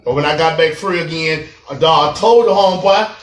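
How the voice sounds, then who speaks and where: A man preaching to a group of parolees, animated, laughing and acting out voices as he goes. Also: a little high, normal speed. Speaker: prison minister. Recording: echoey room, mic far off.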